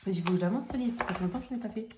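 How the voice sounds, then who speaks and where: Rapid-fire and medium-pitched, a young adult woman who vlogs about coloring chats casually and jokingly about her coloring books, poking fun at herself and using lots of fillers. The room is echoey, with faint noise.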